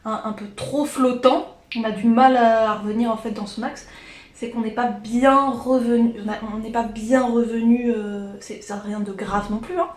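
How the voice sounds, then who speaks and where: A woman's voice: a little high, steady tone, normal speed. Hesitant woman reading tarot cards. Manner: hesitant, many fillers and restarts. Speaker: tarot card reader. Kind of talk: casual spoken tarot reading. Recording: echoey room.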